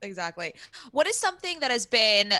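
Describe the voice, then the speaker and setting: A woman's voice: fairly high pitch, big pitch swings, brisk, bright, forceful tone, no room sound, studio quality. A woman asking questions as co-host of a casual interview.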